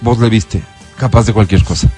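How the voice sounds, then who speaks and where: A man's voice: lowish voice, faint music behind. A man hosting a radio talk show, teasing his co-hosts and prompting their stories in casual banter. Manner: quick, lively, teasing interviewer.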